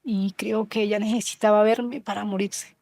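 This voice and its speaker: Woman, 30s, from Colombia, interview guest; dark, even delivery, slow and halting, dry close sound. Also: mid-range voice, dry recording. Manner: slow, halting storytelling with soft trailing lines. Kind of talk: emotional personal testimony.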